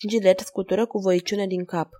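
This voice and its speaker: Brief: woman audiobook narrator, calm measured scripted narration, mid-range voice. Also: medium pitch.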